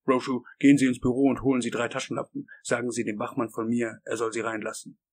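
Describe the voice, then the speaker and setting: A man playing a gruff, scornful mill foreman who gives curt orders. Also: fairly low pitch, completely flat delivery, fairly quick. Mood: commanding. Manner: curt, bossy.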